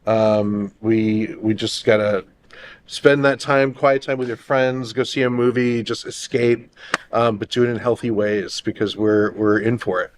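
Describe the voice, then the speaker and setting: A man co-hosting a casual opinion discussion, speaking earnestly and haltingly. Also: on the low side, fairly even intonation, a little hiss or hum. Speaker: talk show co-host.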